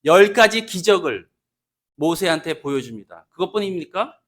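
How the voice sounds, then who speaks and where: A man's voice: high-pitched, animated, normal speed. A man preaching a Sunday sermon in a church, asking the congregation questions and acting out quoted speech. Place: church sanctuary.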